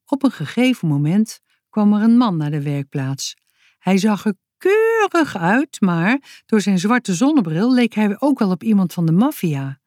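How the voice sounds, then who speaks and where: A woman narrating a children's story aloud in an expressive, lively way. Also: mid-range voice, measured pace, no room sound, clean studio sound.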